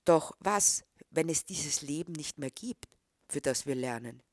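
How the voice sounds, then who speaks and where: A woman giving a scripted literary introduction and reading aloud, expressive and engaged. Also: sits low, unhurried. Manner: expressive, recommending tone. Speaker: literary reader.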